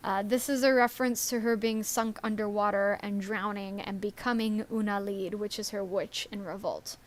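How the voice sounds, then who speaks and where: A woman's voice: mid-range voice, fairly even intonation, normal speed. A woman co-hosting a casual live stream, talking in a chatty, rambling way with many ums and little laughs. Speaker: story creator and stream co-host.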